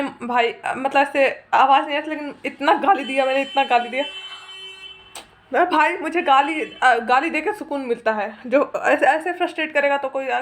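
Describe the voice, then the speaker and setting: A young woman vlogger telling a heated personal story in a casual, rambling way, mixing English phrases into her talk and laughing often. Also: sits high. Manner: chatty, rambling, mixes English into Hindi.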